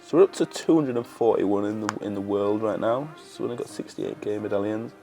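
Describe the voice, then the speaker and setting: A man's voice: lowish voice, fairly quick, vocal fry, music in the background. A man losing his voice, giving casual running commentary over a strategy game he is playing. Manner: relaxed slangy running commentary. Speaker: gaming video creator.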